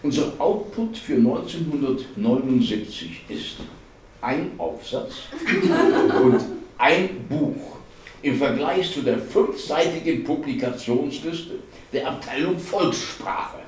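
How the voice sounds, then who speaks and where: A man's voice: fairly high pitch, big pitch swings, slow, a little hiss or hum, voice pushed up. A man reading aloud and voicing a sarcastic, indignant male office scholar who mocks bureaucratic jargon, his voice raised in exasperated bursts. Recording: echoey hall, voice far from mic.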